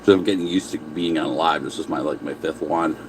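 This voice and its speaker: A man's voice: very deep voice, fairly even intonation, fairly quick, background noise. A man chatting casually on a livestream while eating, answering viewer comments and talking with his mouth full. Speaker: livestream host.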